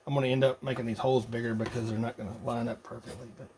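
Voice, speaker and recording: Talking rapid-fire in a medium-pitched, level voice, a man builds a radio as a hobby and mutters his thoughts aloud along the way. There's crowd noise, and the workshop recording is noisy with clicks.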